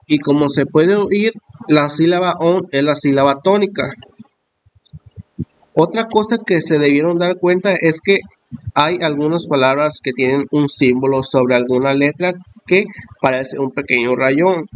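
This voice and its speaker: A man reading out a school lesson on stress and accent marks, slowly explaining each example. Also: a little high, no echo. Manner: slow, careful explanation with examples.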